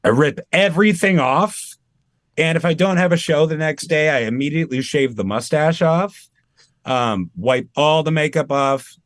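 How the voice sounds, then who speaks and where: A man from Maine who works as a tribute performer is interviewed over a video call, talking in a chatty, animated, self-deprecating way. His voice is fairly high and moderately paced, and there's no echo.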